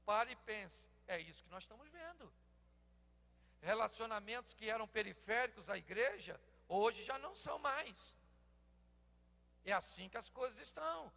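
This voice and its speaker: A Brazilian man in his sixties, a pastor delivering a humorous sermon, telling animated stories and acting out dialogues. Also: high voice, moderate pace, creaky, long pauses. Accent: Brazilian Portuguese. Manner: animated storytelling, acts out dialogues, bursts into shouting. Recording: long hall reverb.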